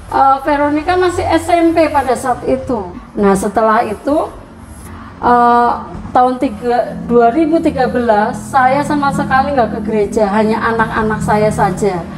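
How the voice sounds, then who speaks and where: A middle-aged woman from Central Java, Indonesia, tells her conversion story in an interview, growing tearful and pleading as she recalls her prayers. Her voice is fairly high at normal speed, in a low-quality recording with slight hiss or hum.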